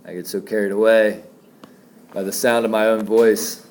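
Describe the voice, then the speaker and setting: A man's voice: fairly low pitch, fairly even intonation, moderate pace, a little mellow, a little hiss or hum. A man teaching a math class, explaining steps in a chatty way and joking with students. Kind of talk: classroom lecture.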